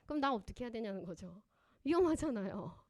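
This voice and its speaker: A woman counselor giving a parenting seminar at a church, animated and often quizzing her audience with questions. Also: a little high, fast talker. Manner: acts out parents and children in lively voices.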